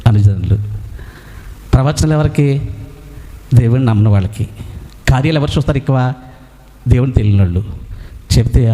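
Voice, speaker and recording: A man's voice: mid-range voice, dark tone, long reverb tail. A man preaching a sermon as a pastor, who asks rhetorical questions and answers them himself, with frequent hallelujahs.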